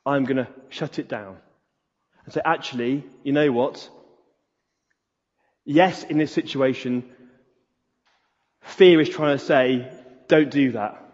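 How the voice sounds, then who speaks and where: A man's voice: mid-range voice, slow, pauses often, a little mellow. Earnest preacher man in a reverberant hall. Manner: earnest, repeats key phrases for emphasis. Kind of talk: sermon. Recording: reverberant hall, dull lo-fi sound.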